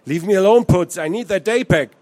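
Man shouting as a frantic American man. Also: high voice, big pitch swings, unhurried, voice pushed up, full character voice. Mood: furious. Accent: American English. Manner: shouting, panicked. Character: frantic loud American man searching for his friend.

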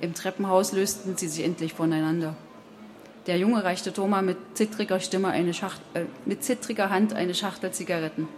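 A woman narrating an audiobook in an even, measured storytelling manner. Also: on the low side, slight background noise. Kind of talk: audiobook reading.

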